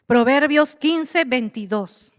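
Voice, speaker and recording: A woman's voice: sits high, dry recording, studio quality, in a large hall. A middle-aged woman pastor, preaching animatedly and acting out the voices of believers and of God. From Peru. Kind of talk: sermon.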